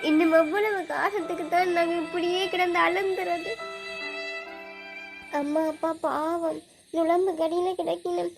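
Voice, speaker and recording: A woman with a Sri Lankan Tamil accent voicing a weary, kind young aunt who speaks sadly and softly in a cartoon. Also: extremely high pitch, steady tone, measured pace, vocal fry, pauses often, over music, exaggerated voice. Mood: despairing. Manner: sad, sighing, soft-spoken.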